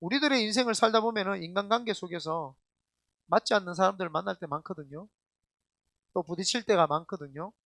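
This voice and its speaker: High-pitched, gravelly preaching man. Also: quick pace, a bit bright, no room sound, clean studio sound. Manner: emphatic, colloquial storytelling preaching; addresses the congregation directly with questions. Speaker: senior pastor. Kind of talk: sermon.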